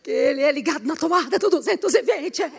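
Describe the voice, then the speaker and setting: A Brazilian woman preaching a lively sermon in a church hall, acting out little scenes and rising into shouted emphasis. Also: sits high, quick pace, vocal fry. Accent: Brazilian Portuguese. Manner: animated, switching voices, rising into shouted emphasis. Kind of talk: lively sermon with acted-out anecdotes. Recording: reverberant hall.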